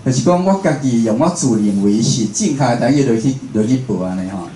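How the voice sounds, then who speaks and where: In a quick, lively, medium-pitched voice with a mellow tone, a male radio host and station director with a Taiwanese accent gives a chatty, informal lecture. He speaks conversationally and throws rhetorical questions at the audience, and the room sounds echoey with slight background noise.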